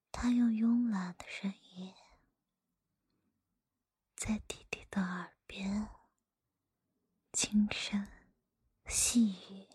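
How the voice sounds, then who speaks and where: Woman acting a teasing older sister, breathy whispered role-play right in your ear. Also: mid-range voice, a little mellow, no echo, studio quality, exaggerated voice. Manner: slow, intimate whispering right in the listener's ear. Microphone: close microphone, dry.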